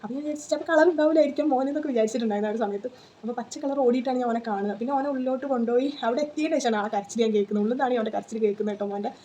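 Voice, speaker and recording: Young woman vlogger, rattles off a chatty story at high speed, mellow voice. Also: rapid-fire, slight background noise. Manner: chatty, tags sentences with 'you know', many fillers. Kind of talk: casual personal storytelling.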